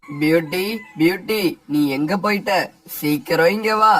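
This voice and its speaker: A caring father sparrow in a cartoon, his voice a little high as he calls and questions, as a man acts him out. He sounds set back from the mic. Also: measured pace, fairly bright tone, no room sound, recorded from a distance, low-quality recording. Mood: concerned. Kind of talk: cartoon voice acting.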